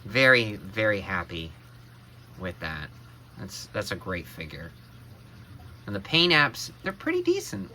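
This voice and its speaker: A man hosting a casual action figure review, excitable and exclaiming over every detail he shows. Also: deep voice, takes it slowly, pauses often, a little hiss or hum. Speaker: toy reviewer, channel co-host.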